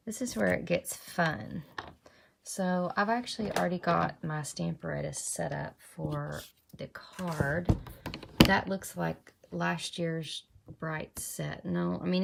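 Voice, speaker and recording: With a lowish, creaky voice and a slight cold that keeps her sniffling, a middle-aged woman runs a live stamping craft tutorial. She chats viewers through the project step by step, greeting them by name. Noticeable background noise comes through the camera mic on her desk.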